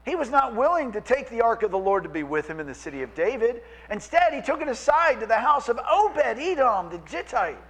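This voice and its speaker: Animated high-voiced male preacher. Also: brisk, hardly any pauses, rough recording. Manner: animated, acts out quoted voices. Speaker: pastor. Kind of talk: sermon.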